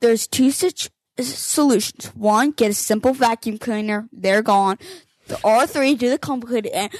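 A chatty woman co-hosting a casual book-discussion podcast, her voice sitting high. She rambles and corrects herself as she goes. The recording is dry and close. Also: moderate pace, no room sound. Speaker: podcast co-host. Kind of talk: casual chat about a book.

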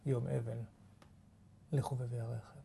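A man's voice: mid-range voice, little pitch movement, gravelly, mellow, a little hiss or hum. A man with an Israeli accent co-hosting a casual tech news chat in an informal, slangy way. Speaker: podcast co-host.

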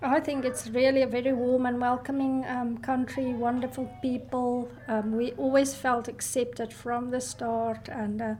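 A woman from South Africa answering interview questions in a warm, appreciative way. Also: a little high, little pitch movement, measured pace, few pauses, slight background noise.

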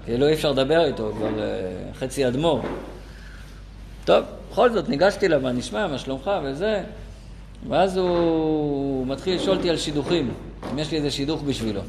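Guy teaching a class, tells stories, kinda high voice that jumps way up when he makes a point. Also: vocal fry, noisy background. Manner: animated, pitch jumps up for emphasis. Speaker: Torah teacher. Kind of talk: lively lesson with storytelling. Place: classroom with live audience.

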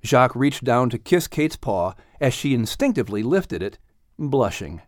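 A man with a mid-range voice narrates a children's audiobook at normal speed, in an expressive, scripted storytelling style. The recording is studio quality with no room sound.

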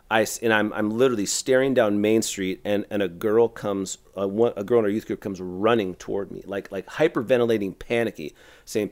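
A middle-aged man, a youth pastor, telling a long story on a podcast in a rambling, animated way full of "like". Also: lowish voice. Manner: animated, rambling, heavy use of "like".

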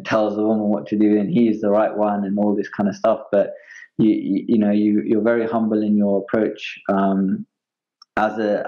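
A man's voice: lowish voice, dark tone. A man hosting a podcast interview in an informal, appreciative way. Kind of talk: conversational interview. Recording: dull, muffled lo-fi sound.

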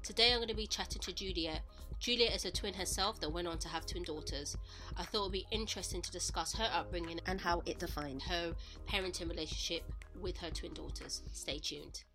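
A woman's voice: fairly low pitch, brisk, music in the background. A woman hosting a casual podcast interview, chatty and encouraging. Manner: chatty, encouraging with frequent backchannels. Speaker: podcast host.

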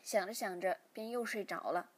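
A woman reading a story aloud, in steady, plain narration with a breathy voice. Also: mid-range voice, normal speed.

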